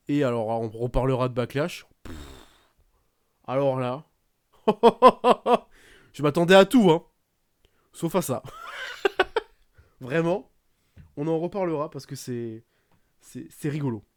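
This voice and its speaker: A man hosting a casual podcast, talking with a sarcastic, animated edge and plenty of fillers. His voice sits at a middle pitch. The sound is dry and close, with no room around it. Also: dry recording. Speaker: podcast host. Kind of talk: casual wrestling podcast chat.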